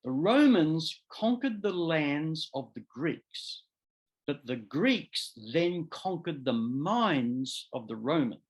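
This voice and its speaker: Slow, animated lecturing law professor. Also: male voice, a little high. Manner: deliberate, emphatic, restates and corrects himself mid-phrase. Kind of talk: academic seminar lecture.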